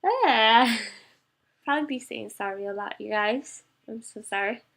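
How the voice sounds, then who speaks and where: A young woman vlogger telling a painful personal story to camera, halting with many fillers and emotional at times. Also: mid-range voice, vocal fry, a bit bright.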